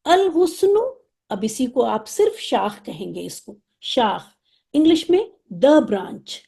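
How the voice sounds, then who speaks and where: A woman teaching an Arabic lesson, patient and repeating each word slowly, with English terms in her explanation. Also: high voice, very animated, vocal fry, dark tone, slightly rough. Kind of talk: online lesson, explaining vocabulary.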